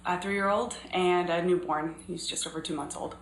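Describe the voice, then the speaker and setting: A woman in her thirties giving measured, earnest courtroom testimony as a witness, pausing often. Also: on the low side, fairly even intonation. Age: 30s. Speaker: trial witness. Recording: echoey courtroom recording, faint noise.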